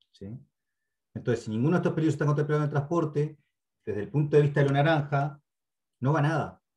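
A man's voice: mid-range voice, a little mellow. A man with a Uruguayan Spanish accent teaches over a computer mic on a video call. He explains steadily and patiently, repeats his main points, and keeps checking that the class follows along. His speech is dotted with hesitant "eh" fillers and small restarts. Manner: checks in with frequent "¿sí?". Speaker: instructor. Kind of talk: online training lecture.

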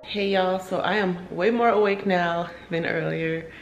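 A young woman vlogging casually at home about her wellness routine, relaxed and chatty with loose fillers. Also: on the low side, unhurried, lo-fi sound, over loud music. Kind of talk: casual vlog chat. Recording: roomy echo, faint room ambience.

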